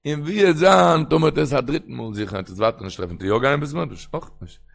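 Fast, gravelly-voiced man teaching. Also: medium pitch, animated. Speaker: religious teacher. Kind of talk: traditional religious lecture.

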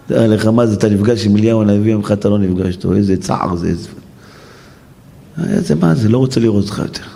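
A man preaching a sermon, retelling a story with animated, emotional delivery. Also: lowish voice, vocal fry. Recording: echoey hall.

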